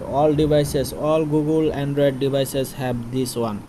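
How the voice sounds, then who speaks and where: A man who speaks English as a second language, hosting an informal how-to voice-over in halting, repetitive phrasing with frequent self-corrections. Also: medium pitch, flat delivery, background noise. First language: not English. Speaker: tutorial host.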